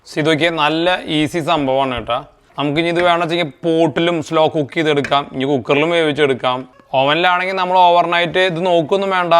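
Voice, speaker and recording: A woman vlogger chatting casually with her family and narrating a home recipe, mixing English words into her talk. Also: low-pitched. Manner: chatty, mixes English into Malayalam. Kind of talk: casual vlog chat and cooking narration. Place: home kitchen and dining area.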